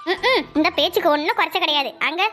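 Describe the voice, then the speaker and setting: A woman voicing a sharp-tongued young village wife in a cartoon, scolding her husband with sarcastic retorts. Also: extremely high pitch, fast, faint music behind. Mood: teasing. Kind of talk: cartoon voice acting.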